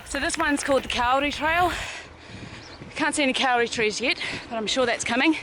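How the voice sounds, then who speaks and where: A woman's voice: sits high, normal speed, sharp tone, slight background noise, low-quality recording. A woman in her thirties with a New Zealand accent, narrating a casual travel vlog outdoors while cycling, chatty and upbeat. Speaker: vlogger, mother on a family bike trip. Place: outdoors on country roads and trails.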